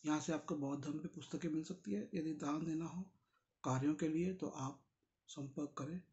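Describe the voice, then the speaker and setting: A man's voice: fairly high pitch, normal speed, a little mellow, dull audio. A tired man, reading a Buddhist book and explaining it in a conversational way, speaking directly to his listeners. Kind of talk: casual spoken commentary on a read text.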